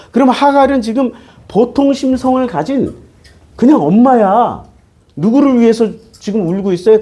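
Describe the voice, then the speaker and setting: Lively-voiced man preaching a sermon. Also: high voice. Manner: asks the listeners question after question; conversational, switching between polite and casual speech. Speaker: pastor. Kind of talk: Bible-teaching sermon.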